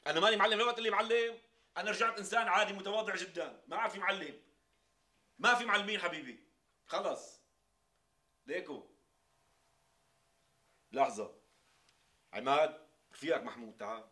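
An actor playing a grumbling, bossy middle-aged office worker with a Syrian accent in a television comedy-drama. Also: male voice, on the high side, lively intonation, quick pace, pushed and bright, echoey room. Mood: animated. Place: small office set indoors.

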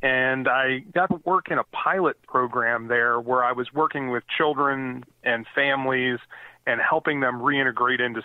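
The same kind of guest: an East Coast American man in his forties with a medium-pitched voice, talking loosely in an interview. He keeps restarting and filling pauses as he rambles. The audio is dry and tinny, phone-like, without room sound.

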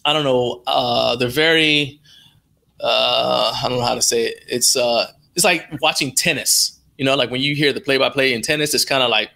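A middle-aged American man, a live stream producer appearing as an interview guest, tells stories casually and colloquially over a video call headset from a room at home. His mid-range voice is gravelly, bright and forceful, at a moderate pace.

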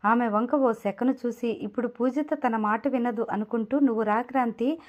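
A woman reading an audio novel aloud as narrator, in an expressive storytelling manner. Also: fairly high pitch. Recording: dull lo-fi audio.

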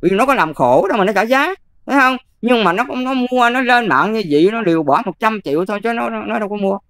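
Fast-talking older Southern Vietnamese woman. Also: fairly high pitch, animated, fairly bright tone, dry recording. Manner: emphatic, keeps checking "see?". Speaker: Buddhist nun. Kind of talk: casual advice talk.

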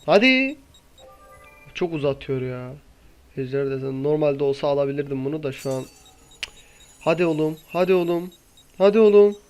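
A man's voice: fairly high pitch, animated, moderate pace, long pauses, a little mellow, clean tone, soft background music. A young man giving casual gameplay commentary, impatiently pleading and coaxing the game as he plays. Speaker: gaming YouTuber.

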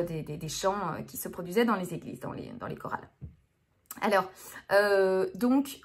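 Female speech therapist, hesitant teaching delivery, voice a touch high. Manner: hesitant, many fillers and restarts. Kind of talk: explanatory lesson.

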